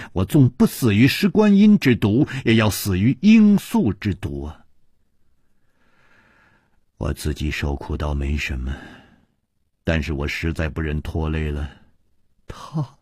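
A sorrowful ailing woman confesses in a hushed, breathy murmur, as a male storyteller puts her on. The voice is low and husky, sometimes nearly whispered. It sounds close and dry. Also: very animated, measured pace, no room sound, full character voice. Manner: soft, low, breathy and subdued.

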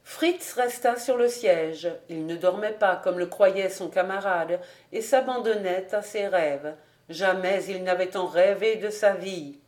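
A woman's voice: medium pitch, a little slow, a little mellow. Woman reading a classic novel aloud. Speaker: audiobook reader. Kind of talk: scripted audiobook narration.

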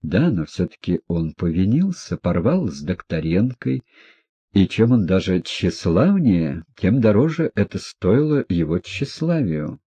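A man voicing a meek, gentle young prince who speaks softly, earnestly and patiently. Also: low voice, very animated, unhurried, slightly rough, full character voice.

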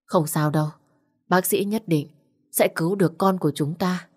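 A woman's voice: fairly low pitch, normal speed, slightly rough. A woman voicing a scared young husband who keeps soothing and reassuring his wife. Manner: soothing, urgent.

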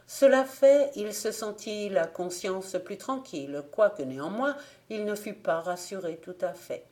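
A woman reading a literary audiobook in a measured, deliberate way. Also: medium pitch, dark tone. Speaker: audiobook reader.

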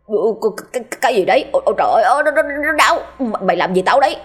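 Brief: woman playing mouthy cowardly young guy, quick and whiny, husky edge. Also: fairly low pitch, lively intonation. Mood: complaining. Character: brash chatty cowardly young man sidekick.

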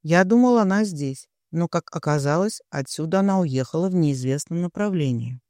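A man's voice: fairly high pitch, animated, moderate pace, a little mellow, no room sound, clean studio sound, natural voice. A man reading an audiobook, voicing a furious young man who growls threats. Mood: strained calm.

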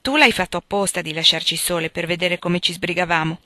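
A woman's voice: fairly low pitch, fairly quick, sharp tone, no room sound. A woman voicing a sensible young woman, the eldest sister, who talks in an earnest, slightly wary way, in a dry recording. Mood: suspicious.

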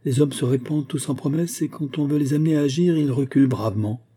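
A man's voice: medium pitch, quick pace, warm tone, breathy edge, pitched above the performer's own voice, close to an everyday voice. A man voicing a haughty, scornful young aristocratic woman in a storybook reading, with a mocking, disdainful manner.

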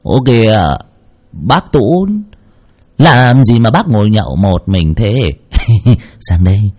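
A man's voice: on the low side, expressive, takes it slowly, a little mellow. A man voicing a sly young male freeloader who talks in a wheedling, chummy way.

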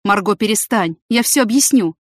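A middle-aged male head of a maternity ward, voiced by a woman narrator, firm and brisk like a doctor on rounds. He is read in close to her own register, with no deepening of the voice. The recording is dry and close. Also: expressive, no room sound, close to an everyday voice.

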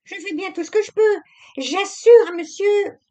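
Woman voicing a fluty high housekeeper, nervous, hurried, storybook reading. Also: sing-song, fairly bright tone, exaggerated voice. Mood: flustered. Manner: hurried, nervous, near tears. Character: stout anxious male-served housekeeper woman, timid and fluty.

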